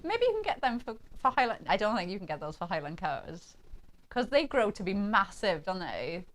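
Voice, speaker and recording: A woman's voice: medium pitch, very animated, moderate pace. A woman presenting craft products live on a shopping channel, chatty and cooing over how cute the designs are.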